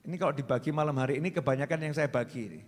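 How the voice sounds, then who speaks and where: A man preaching in a lively, teasing way, often slipping into phrases. His voice sits a little high for a man. It rings with a long reverb, as in a large hall. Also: racing. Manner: animated, teasing, switches to Javanese phrases. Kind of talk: sermon.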